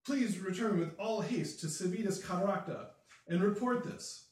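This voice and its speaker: A man playing a scheming male usurper noble who speaks in a low guttural growl. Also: moderate pace, darkish tone, close to an everyday voice. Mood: gracious. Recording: roomy, distant mic.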